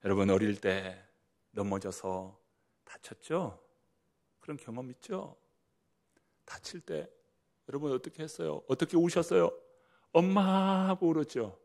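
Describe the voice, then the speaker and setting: Male pastor preaching at church, goes loud then drops to a whisper, keeps asking the congregation questions. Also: medium pitch, lively intonation, normal speed, vocal fry, pauses often. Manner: dramatic swings from loud emphasis to hushed whispers; addresses the congregation directly with questions. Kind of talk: sermon. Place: church service.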